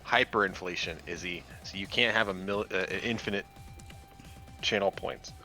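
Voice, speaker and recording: A young man co-hosting a casual stream, teasing with a deadpan, mock-serious manner. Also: sits low, normal speed, rough recording. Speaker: stream co-host. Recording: faint music in background.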